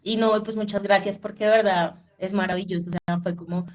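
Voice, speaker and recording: A woman's voice: medium pitch, steady tone, brisk. A woman telling a story in a casual, rambling way, full of fillers and restarts. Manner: chatty, rambling, many fillers like 'como que'. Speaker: reader and guest. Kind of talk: casual conversation.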